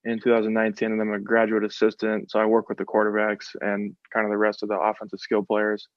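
A man in his twenties from the American West Coast, a football coach answering interview questions in a measured way, with many ums. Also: lowish voice, monotone, no room sound. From West Coast of the United States. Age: 20s. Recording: slightly dull, lo-fi sound.

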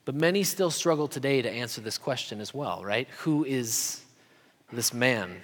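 A man's voice: mid-range voice, lively intonation, normal speed. A man preaching a sermon in a conversational way, often checking in with "right?". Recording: long hall reverb.

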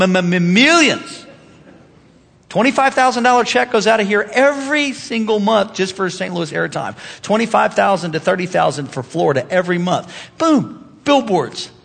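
A man preaching a sermon as pastor, talking in a lively, conversational way with humor and rising emphasis. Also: sits high, moderate pace, vocal fry, hardly any pauses. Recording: reverberant hall.

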